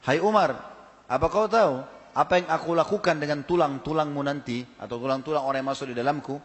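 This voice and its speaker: A man's voice: on the high side, fast talker, long reverb tail, natural voice. A man giving voice to an ominous talking grave.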